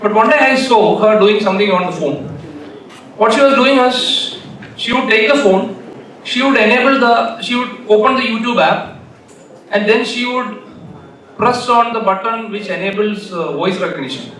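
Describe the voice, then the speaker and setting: A man with a Malayalam accent gives an informal conference keynote in a halting way, often repeating phrases. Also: high-pitched, a bit bright. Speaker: keynote speaker. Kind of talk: informal conference talk with anecdotes. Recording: echoey hall, distant mic, faint noise.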